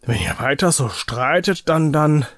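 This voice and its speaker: A man's voice: on the high side, big pitch swings, a little slow, dry recording, studio quality, full character voice. A man voicing an angry father who scolds and threatens his two quarreling sons. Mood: stern threatening.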